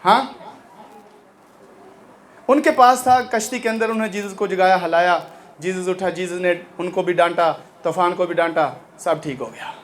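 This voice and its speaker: A male pastor preaching a sermon with fervour, rising to shouts and dropping low, and acting out the voices of his congregation. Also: normal speed, slight background noise.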